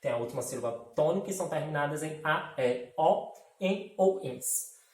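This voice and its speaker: A man's voice: a little high, lively intonation, moderate pace. A man with a Brazilian accent teaching a Portuguese grammar lesson, explaining step by step and often checking that the class is following. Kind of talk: grammar lesson for an online course. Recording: roomy echo, mic at a distance.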